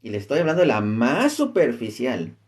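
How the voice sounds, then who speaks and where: A man's voice: mid-range voice, sing-song, moderate pace, darkish tone. A man giving informal Bible teaching. He reads scripture aloud and looks up verses as he talks. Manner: reads scripture aloud, searches for verses mid-talk, uses "este" as filler.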